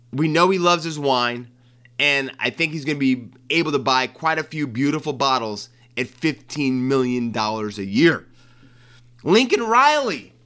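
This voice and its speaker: A male sports host delivering a loose, joking monologue. His voice sits a little high and sounds bright and sharp, and his talk is full of asides, ums and quick restarts. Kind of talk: casual sports commentary monologue.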